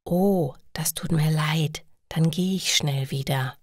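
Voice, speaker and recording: A woman voicing a restless young man who talks in a hushed, hesitant way. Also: on the low side, fairly even intonation, very slow, vocal fry, no room sound, studio quality, heavily acted. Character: restless young man lost in meditation class.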